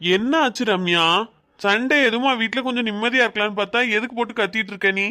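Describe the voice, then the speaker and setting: A woman voicing a mild, peace-making father in a cartoon, calm and placating. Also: fairly high pitch, quick pace. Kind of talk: cartoon voice acting.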